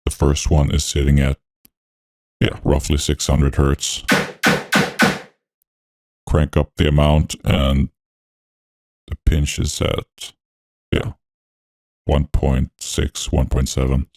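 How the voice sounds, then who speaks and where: A man talking through a voice changer that deepens his voice. He hosts a music production tutorial, narrating each step in a laid-back, technical way with frequent fillers. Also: completely flat delivery, takes it slowly, vocal fry, long pauses, background noise. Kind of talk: walkthrough narration over a screen recording.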